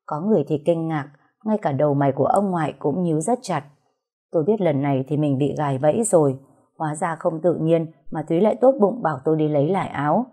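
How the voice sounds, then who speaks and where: Low, mellow woman narrating a story. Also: husky. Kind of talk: first-person audio story narration.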